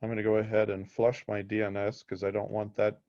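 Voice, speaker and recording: A man's voice: fairly low pitch, completely flat delivery, fairly quick, darkish tone. A man teaching a live technical class in a casual way, often checking that his students are following. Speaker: instructor. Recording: dull lo-fi recording.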